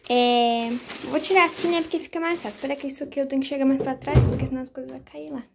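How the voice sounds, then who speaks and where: Woman, high voice, casual vlog host, chatty, affectionate, showing items. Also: steady tone, rapid-fire, gravelly, noisy background. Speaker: channel host playing mother to dolls.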